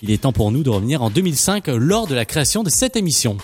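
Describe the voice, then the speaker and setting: A man's voice: medium pitch, sing-song, fast talker, over music. A man hosting a casual student web radio show, opening segments and linking to the news in a hesitant way. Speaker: radio host.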